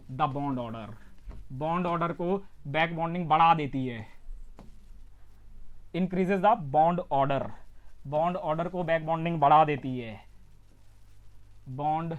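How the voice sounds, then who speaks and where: A male chemistry teacher giving an online exam-prep lecture with lots of energy, repeating phrases and prodding his students to answer. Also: sits high. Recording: slightly dull lo-fi recording.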